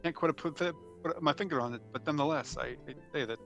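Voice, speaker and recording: A polite, careful fantasy adventurer, played by a man in a tabletop game, pitched a bit high. He is wordy and halting, circling back over phrases, with soft music behind. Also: dull audio. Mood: wary, polite. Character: courteous, cautious, curious male fantasy adventurer.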